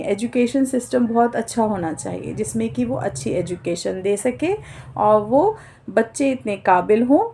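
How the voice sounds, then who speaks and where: Woman, fairly high voice, earnest, explains each term, casual monologue. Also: warm tone. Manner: earnest, explains terms, mixes in English words. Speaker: political commentator.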